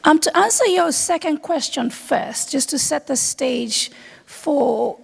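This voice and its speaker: A woman from Kenya speaking on a conference panel, earnest and personal, pausing often with "um". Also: high-pitched, creaky. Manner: earnest, personal, with frequent "um" pauses.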